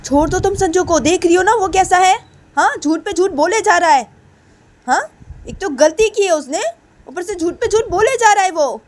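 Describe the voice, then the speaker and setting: A woman's voice: fairly high pitch, moderate pace, pauses often, lightly acted. A woman voicing a stern middle-aged mother who scolds in a raised voice. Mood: scolding.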